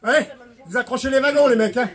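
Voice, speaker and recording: A man performing a live clown comedy show, shouting and laughing at his own jokes. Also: extremely high pitch, a little fast.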